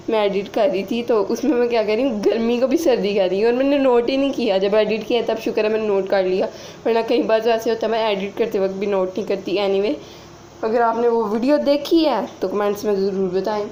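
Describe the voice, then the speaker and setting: A woman's voice: on the high side, brisk, mellow, slight background noise, poor audio. A young woman casually talking viewers through cooking in her home kitchen, chatty and giggly. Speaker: vlogger.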